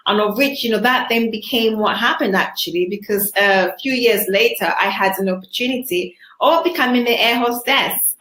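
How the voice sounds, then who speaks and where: Woman on a video call, earnest storytelling, mid pitch, echoey room sound. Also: fairly bright tone. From Zambia. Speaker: interview guest. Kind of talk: online interview.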